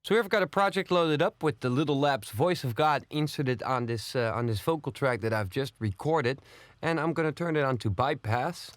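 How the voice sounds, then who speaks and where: A man presenting an audio plugin tutorial in a home studio, explaining each control step by step in a steady, methodical way. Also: mid-range voice, moderate pace, no room sound, faint music behind. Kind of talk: software walkthrough tutorial.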